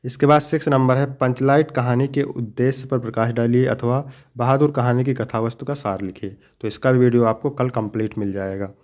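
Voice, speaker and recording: A man's voice: medium pitch, darkish tone. Man patiently explaining exam answers. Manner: explains each answer step by step, then reads the next question; slows to stress key points. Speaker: teacher. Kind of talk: exam-prep lesson.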